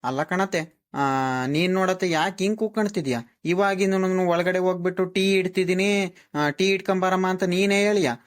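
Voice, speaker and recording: A woman's voice: lowish voice, steady tone, close to an everyday voice. A woman voicing a practical young daughter-in-law in a village cartoon, with a matter-of-fact manner. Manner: matter-of-fact, listing, drawn-out fillers. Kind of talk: cartoon voice acting.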